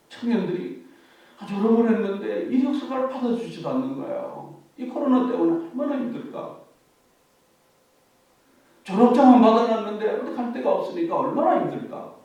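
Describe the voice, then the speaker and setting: A male pastor preaching a sermon, putting rhetorical questions to his congregation and dropping to a hush for quoted words. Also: very high voice, heavy reverb, recorded from a distance, poor audio. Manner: animated preaching, softening to a hush when quoting Jesus.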